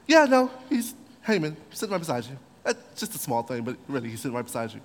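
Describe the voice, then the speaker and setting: A man voicing a young queen who speaks in a hesitant, halting way. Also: medium pitch, sing-song, voice pushed down. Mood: bold. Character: young queen, gentle and tactful, then bold. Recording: long hall reverb.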